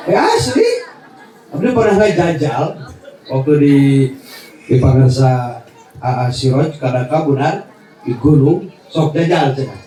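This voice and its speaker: High-voiced Sundanese preacher, echoing outdoors. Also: male voice, a little slow, pauses often. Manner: animated, joking, swings between Sundanese and Indonesian, shouts and laughs. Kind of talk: sermon. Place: outdoor religious gathering before a crowd. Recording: very echoey, far-off, crowd and noise behind.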